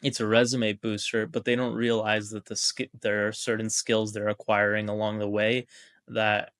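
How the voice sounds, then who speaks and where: A man's voice: on the low side, level tone, normal speed, fairly bright tone, no echo, studio quality. A man hosting a podcast, introducing and questioning his guest in an easygoing way with many "uh"s and "like"s. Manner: easygoing, with frequent "uh" and "like". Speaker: podcast host. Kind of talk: conversational interview.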